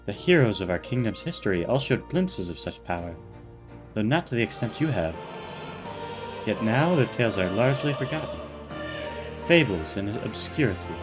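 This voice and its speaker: A man's voice: on the low side, big pitch swings, over music. A man doing a courtly old scholar. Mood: solemn. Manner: formal, measured, slow in places. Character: courtly older male scholar and novelist, grand and measured.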